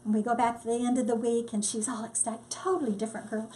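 An older woman, a disaster relief volunteer, telling her story in a lively, casual way and acting out what people said. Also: on the high side, quick pace, a little hiss or hum. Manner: lively storyteller, acts out quotes. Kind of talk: casual testimony.

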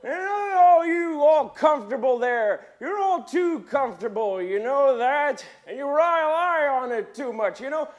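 A man's voice: very high voice, lively intonation, a little slow, hardly any pauses. A man performing a grumpy, nostalgic old man in a comic monologue, rambling and grumbling about how things used to be. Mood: indignant. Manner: rambling, grumbling, folksy old-timer talk.

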